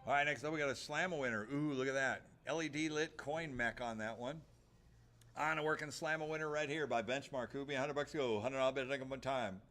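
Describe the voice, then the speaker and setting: A man runs a live auction as the auctioneer. He chants bids in a rhythmic patter, repeating numbers and stock phrases over and over. His pitch sits in an ordinary middle range for a man. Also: quick pace, fairly bright tone.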